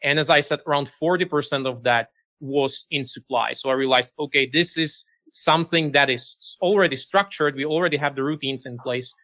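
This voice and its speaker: Bright-voiced man. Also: mid-range voice. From Czech Republic. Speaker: guest, business owner. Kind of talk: interview answers.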